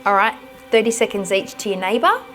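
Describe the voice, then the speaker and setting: An Australian woman runs a conference workshop in a mid-pitched voice. She talks to the room directly and energetically, guiding the audience through group activities and telling stories from her own work. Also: big pitch swings, brisk, a bit bright, faint music behind. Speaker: workshop presenter.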